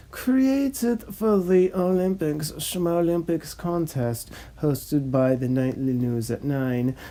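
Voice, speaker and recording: Here the narrator and host speaks with a medium-pitched, dark voice. He narrates a scripted pitch for a cancelled film in a droning, long-winded, pompous, and formal style.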